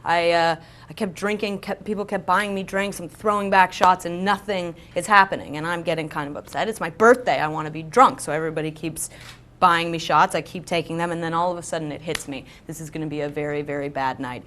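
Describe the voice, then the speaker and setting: Woman in her twenties, lowish voice, lively self-mocking storyteller. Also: fairly quick. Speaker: celebrity guest. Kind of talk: comic storytelling.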